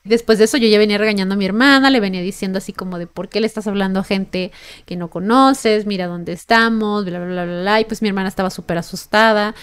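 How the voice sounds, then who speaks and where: A woman's voice: medium pitch, clean tone. A young woman with a Mexican accent hosting a podcast, telling a personal story in a chatty way with lots of fillers and tag questions. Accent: Mexican Spanish. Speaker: podcast host.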